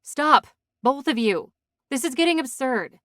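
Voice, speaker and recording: A man voicing a young pregnant woman in an audiobook, soft and shaky at times, then firm and scolding. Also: extremely high pitch, lively intonation, measured pace, no echo, studio quality, voice pushed up, exaggerated voice. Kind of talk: audiobook character voice.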